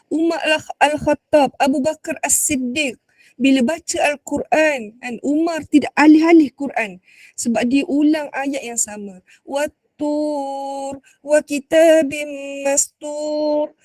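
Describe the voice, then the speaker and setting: Woman, Malaysian Malay accent, religious teacher, high voice, dry close sound. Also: a little mellow, no room sound. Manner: conversational, frequent tag questions and restarts; recites Quranic verses slowly. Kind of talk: religious talk.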